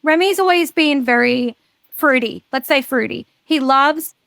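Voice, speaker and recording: A woman in her thirties, a podcast guest, chatting casually and telling animated stories with plenty of swearing. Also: high-pitched, measured pace, gravelly, no room sound. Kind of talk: casual chat.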